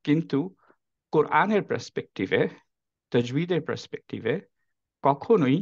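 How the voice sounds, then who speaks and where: A man gives a classroom lecture on reading the Quran at a mid pitch. He works through his points one by one, drops English phrases into his sentences and checks with the class as he goes. The recording is dry and a little dull. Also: no room sound. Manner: explains step by step and checks in with the class. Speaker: Quran teacher. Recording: dry, slightly dull lo-fi sound.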